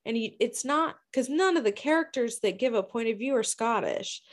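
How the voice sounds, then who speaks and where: A woman co-hosting a casual book discussion, blunt and swearing freely with quick asides. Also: a little high, expressive. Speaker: book podcast co-host.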